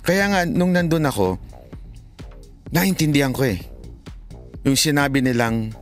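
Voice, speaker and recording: In his vlog, a man delivers heated commentary, preaching to and pleading with his listeners and quoting scripture in English. His medium-pitched voice is animated yet measured in pace, with soft music in the background.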